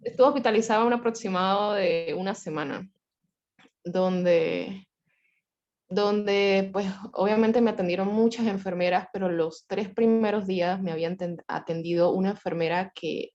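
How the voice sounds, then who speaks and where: A woman in her twenties, a student recounting a personal experience to the class in a measured, careful way. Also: mid-range voice, darkish tone, muffled recording. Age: 20s. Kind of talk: personal account in class discussion.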